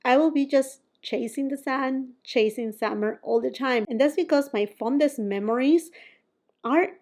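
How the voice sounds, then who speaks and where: A woman's voice: high-pitched, normal speed, a little mellow. A woman from Peru, chatting casually to camera as a beauty vlogger, often laughing and quoting herself.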